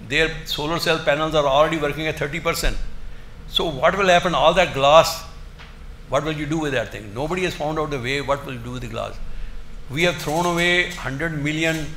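An older man giving an academic lecture in a halting, emphatic way, often repeating his words. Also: on the high side, bright, forceful tone. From India. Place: indoor lecture room, seated at a desk. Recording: roomy echo, faint background noise.

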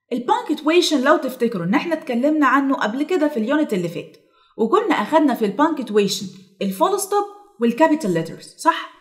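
A woman with an Egyptian Arabic accent teaching young children English phonics, praising them warmly as she drills each word. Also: high voice. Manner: lively and encouraging, drawing words out for children to repeat.

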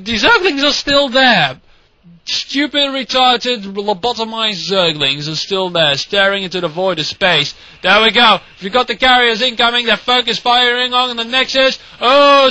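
A man casually commentating a strategy game replay, excitable and sarcastic, mocking the players and swearing. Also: very high-pitched, lo-fi sound.

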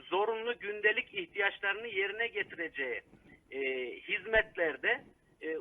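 A city council member speaking over the phone in a live interview, critical and hesitant with frequent fillers. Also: male voice, high voice. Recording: tinny phone line.

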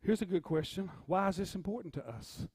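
A man preaching an impromptu sermon, swinging from hushed storytelling to rising shouts and repeating his words. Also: high-pitched, a little fast, husky, dry recording, studio quality. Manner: rhythmic preaching with "uh" before phrases.

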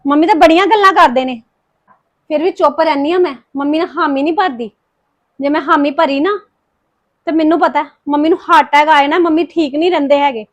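A woman's voice: high-pitched, close to an everyday voice. An actress playing a grieving young wife who bitterly reproaches her mother-in-law, with a Punjabi accent. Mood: bitter, accusing. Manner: reproachful, accusing, rapid complaints. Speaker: daughter-in-law Harpreet. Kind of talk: emotional family drama acting.

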